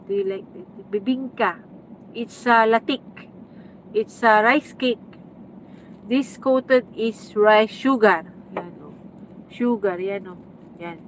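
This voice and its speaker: A woman's voice: medium pitch, slow pace, pauses often, a little hiss or hum, low-quality recording. A woman from the Philippines chatting casually on a livestream, mixing Tagalog and English and thanking viewers by name. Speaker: livestream host. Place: home with aircon running.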